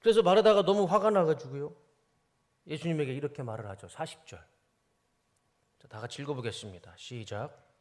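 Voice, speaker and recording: A male pastor giving a sermon in a church, animated and often putting questions to the congregation. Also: a little high, brisk, long pauses. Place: church sanctuary.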